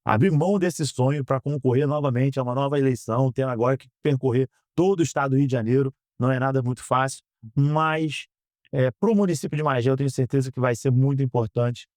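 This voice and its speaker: Man, 30s, from Brazil; earnest, measured interview guest, middle voice, dry studio mic. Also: mid-range voice, a little mellow, dry recording. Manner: earnest, measured, frequent "né?" tags. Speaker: guest, politician. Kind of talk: interview answers. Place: podcast studio.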